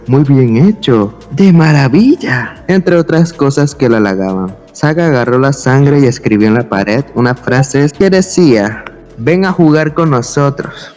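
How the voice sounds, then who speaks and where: A man's voice: mid-range voice, darkish tone, in a large hall. A man reads a homemade horror story in a casual late-night chat. He keeps stopping to poke fun at the clumsy writing, and his voice sits in an ordinary middle range. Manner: mocking, laughs at and comments on his own old writing. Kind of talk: casual reading of a horror story with joking asides.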